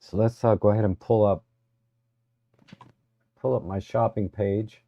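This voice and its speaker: Hoarse man with a gravelly low voice. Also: fairly even intonation, dark tone, dry recording, highs cut off. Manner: halting, many fillers and restarts. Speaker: livestream host. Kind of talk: casual livestream chat.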